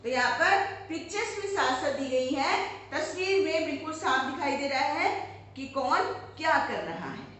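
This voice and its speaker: A woman teacher giving a lesson, explaining step by step and saying words slowly so students can repeat after her. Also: sits high, expressive, fairly bright tone, heavy reverb. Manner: slow, clear, repeats words for students to follow.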